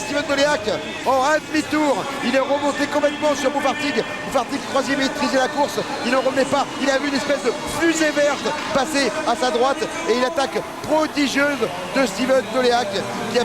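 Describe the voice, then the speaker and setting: A man giving excitable, emphatic live motorsport commentary, full of superlatives, as a race commentator. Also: very high-pitched, brisk. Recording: loud crowd and engine noise behind. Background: crowd and vehicles at a race event.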